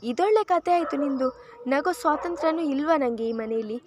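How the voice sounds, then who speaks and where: A woman voicing a playful young wife who teases and coaxes her husband in a drawn-out, coy way. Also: high voice, expressive, darkish tone, slight background noise. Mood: teasing. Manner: coaxing, drawn-out teasing.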